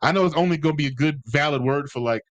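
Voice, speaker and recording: Fast-talking middle-aged man, podcast host. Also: fairly high pitch, no room sound, lo-fi sound. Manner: animated storyteller who mimics people, repeats words when excited. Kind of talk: casual chat.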